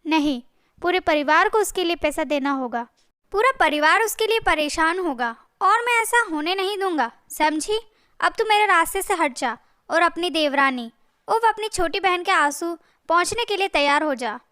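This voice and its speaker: A woman's voice: extremely high pitch, expressive, normal speed, pushed and bright, dry recording, studio quality, full character voice. A woman voicing a cruel, scheming man in a family story, cold and threatening. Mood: menacing. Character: scheming cruel man, elder brother-in-law.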